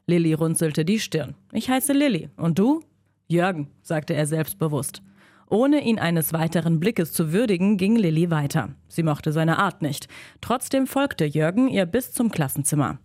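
A woman with a low voice reads a children's story aloud. Her delivery is steady and builds suspense. The sound is dry and close. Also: dry recording. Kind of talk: scripted narration of a children's story.

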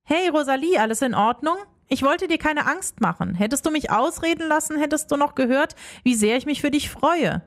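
A woman's voice: high-pitched, lively intonation, a little fast, hardly any pauses, voice pushed up. A woman voicing a frank young best friend who questions and pushes back, in a dramatic story reading. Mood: apologetic.

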